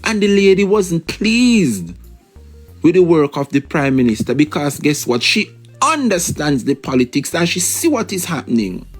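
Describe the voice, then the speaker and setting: A man's voice: a little high, big pitch swings, normal speed, breathy edge, faint music behind. A man with a Jamaican accent giving casual political commentary, emphatic and repetitive, slipping into patois.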